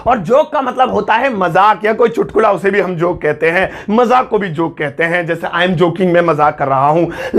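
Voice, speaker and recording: High-voiced playful Indian teacher. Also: male voice. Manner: playful, jokey, stretches out example words slowly. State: voice tiring, sips tea to keep it going. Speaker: English teacher. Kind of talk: casual video lesson.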